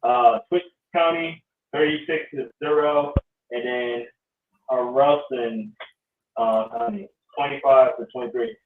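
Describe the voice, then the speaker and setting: A man's voice: medium pitch, expressive, measured pace, slight background noise. A man hosting casual sports talk, rambling with lots of ums. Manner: loose, rambling, many ums. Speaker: podcast host. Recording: echoey, distant, phone-like audio.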